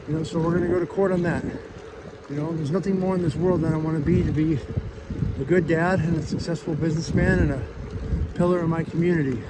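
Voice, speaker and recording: Higher-voiced man, slight lisp, noisy outdoor vlog. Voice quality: slight lisp from missing front teeth. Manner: earnest, rambling, plain-spoken street talk. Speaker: vlogger. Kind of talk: casual motivational vlog talk to followers. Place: outdoors on a bike trail, riding an electric bike. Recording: outdoors with loud wind and traffic noise.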